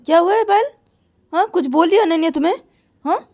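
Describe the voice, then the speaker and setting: A woman's voice: very high-pitched, fast, a little mellow, voice pushed up. A woman voicing a fussing middle-aged mother who coaxes and questions her daughters. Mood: questioning. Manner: coaxing, questioning.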